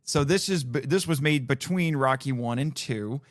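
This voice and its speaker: A man's voice: medium pitch, moderate pace, no echo, studio quality. A man hosting a casual film discussion, explaining things in a rambling way and backtracking mid-thought. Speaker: film podcast host.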